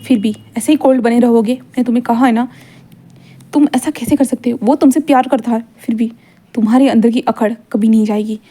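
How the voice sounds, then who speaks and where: A woman voicing a loyal male aide who quietly scolds his boss. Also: fairly high pitch, steady tone, brisk, lightly acted. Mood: reproachful.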